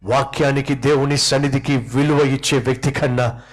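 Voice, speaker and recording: A man's voice: mid-range voice, normal speed. A male pastor preaching a sermon in church, telling a story and putting questions straight to the congregation. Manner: animated, questions the congregation directly.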